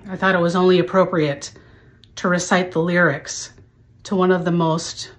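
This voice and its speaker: A woman in her thirties introducing a piece to camera as host, in a measured, mock-solemn way. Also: fairly low pitch, flat delivery. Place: small furnished room indoors.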